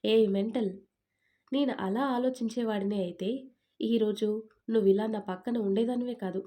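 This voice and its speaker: A woman's voice: on the high side, steady tone, moderate pace, dark tone, close to an everyday voice. A woman voicing an irritable young husband and boss in an audio story, talking curtly and scolding. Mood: irritated. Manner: curt, scolding.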